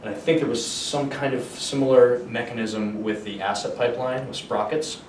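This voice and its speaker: A man giving an informal technical explanation, halting and thinking aloud as he answers questions. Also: steady tone. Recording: roomy, far microphone, noticeable low rumble.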